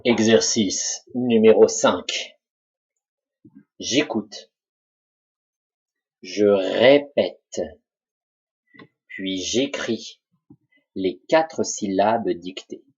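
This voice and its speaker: A man teaching a dictation lesson, slowly spelling out syllables for children to repeat and write. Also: fairly low pitch, darkish tone, breathy edge. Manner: slow, deliberate, spells out syllables. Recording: dull lo-fi recording.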